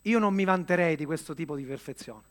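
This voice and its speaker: A man delivering a sermon in an earnest, measured way, with dramatic pauses and direct questions to the listener. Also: fairly high pitch. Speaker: preacher.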